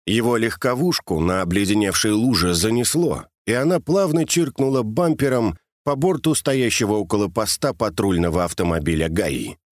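Male audiobook narrator, measured and wry, animated intonation, dry booth sound. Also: lowish voice, no room sound. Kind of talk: scripted narration of a novel.

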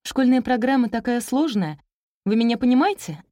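A nervous young schoolteacher chatters brightly in a raised, eager voice, trying hard to please, as a woman reads her part. The tone is mellow and the recording dry and close. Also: a little high, expressive, normal speed, dry recording, voice pushed up, close to an everyday voice. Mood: flustered. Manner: bright, nervously cheerful, babbling. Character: young female teacher, flustered and eager to please. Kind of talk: audiobook character reading.

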